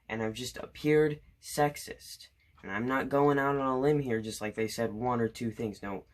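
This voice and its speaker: A young man in his late teens rants to camera about his grievances, sarcastic and indignant. His pitch sits in the middle. He stumbles over restarts and leans on fillers as he builds his case. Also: a bit bright. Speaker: student vlogger. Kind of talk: opinion rant to camera.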